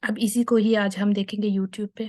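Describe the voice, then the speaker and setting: A young woman teaches tajweed in an online class, with a voice of middle pitch. She explains step by step and patiently, slipping English terms into her talk. She sounds out letters slowly so learners can copy them. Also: little pitch movement, a little mellow. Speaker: Quran recitation teacher.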